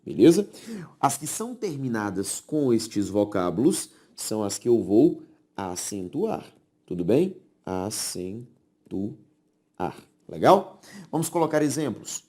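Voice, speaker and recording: Speaking in a mellow, sing-song voice of medium pitch, a man with a Brazilian Portuguese accent teaches grammar rules in a classroom lecture. He takes it slowly, repeats the key words, and keeps making sure students understand.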